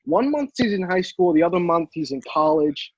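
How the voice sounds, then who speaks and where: Podcast co-host, male, husky, dry close sound, jokey comic-fan banter. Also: sits high, animated, normal speed, dry recording, lo-fi sound. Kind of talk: casual chat.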